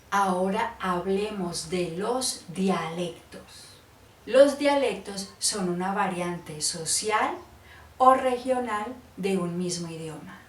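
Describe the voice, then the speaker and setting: A woman's voice: medium pitch, fairly bright tone, far from the mic, slight background noise. A woman from Colombia with a Cali accent, teaching a lesson in a chatty way and checking in with her listeners. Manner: chatty, asks "¿sí?" to check understanding. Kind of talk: explanatory lesson. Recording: roomy, off-mic, faint ambience.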